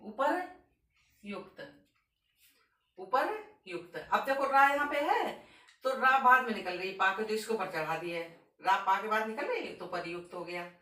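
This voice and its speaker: A woman teaching Hindi grammar in a lesson on spelling, repeating each word slowly and stressing the correct form. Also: medium pitch, animated, sharp tone. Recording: echoey room, voice from a distance.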